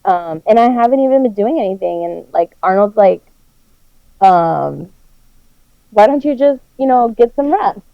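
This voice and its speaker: A woman's voice: medium pitch, animated, unhurried, creaky, dry recording. Tired rambly woman on a covered phone mic, muffled like through a wall, dry sound. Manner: tired, rambling, lots of fillers. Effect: muffled, as if through a wall, mic covered by clothing. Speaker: podcast co-host. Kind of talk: casual chat.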